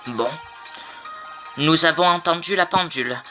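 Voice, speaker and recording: A man's voice: a little high, unhurried, pushed and bright, faint music behind. A man voicing a stern, formal male judge in an amateur game voice-over.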